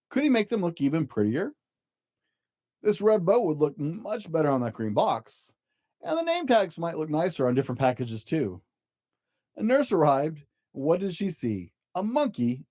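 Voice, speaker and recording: Here a medium-pitched storyteller reads a children's picture book, keeping the tone expressive and gentle for a young audience.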